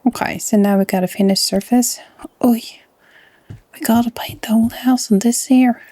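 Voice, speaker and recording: Soft-spoken Norwegian woman gaming. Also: fairly high pitch, fairly even intonation, normal speed, no room sound. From Norway. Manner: chatty, often drops to a soft half-whisper. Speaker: gaming channel host. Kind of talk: casual let's-play commentary.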